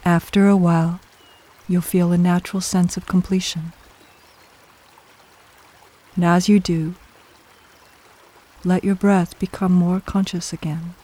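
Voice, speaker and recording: A soft, soothing voice guiding a meditation in slow, measured phrases with long pauses between them. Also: medium pitch, flat delivery. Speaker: meditation guide. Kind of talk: guided meditation, scripted narration.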